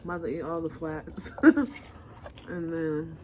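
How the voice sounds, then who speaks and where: A woman's voice: low voice, level tone, normal speed, a little mellow, slight background noise. Chatty woman eating between remarks. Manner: chatty, talks between bites with murmurs of enjoyment. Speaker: mukbang host. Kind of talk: casual eating-show chat.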